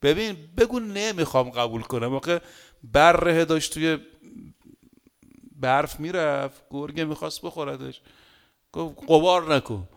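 A male preacher with a fairly high, clear, resonant voice, talking to his congregation like a neighbor. He leans on rhetorical questions and homely anecdotes, sometimes rising to a loud point and then dropping to a quiet aside. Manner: animated, swinging between loud emphasis and quiet asides. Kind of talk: sermon.

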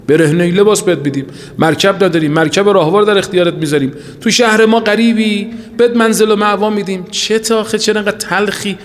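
A man preaching an impassioned religious sermon. He swings from rising, fervent cries to slow, hushed lines and recites scripture. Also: on the high side. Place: large holy shrine hall. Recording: long hall reverb.

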